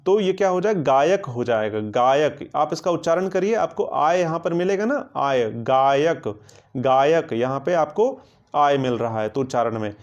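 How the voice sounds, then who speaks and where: A man teaching a grammar lesson for exam coaching. He asks his students questions, answers them himself, and repeats words slowly to drill them. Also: a little high, animated, highs cut off.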